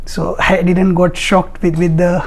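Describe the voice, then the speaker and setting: A man's voice: high voice, little pitch movement, unhurried. A man from India in his thirties, a guest in a casual interview, who speaks hesitantly with many fillers and loose grammar.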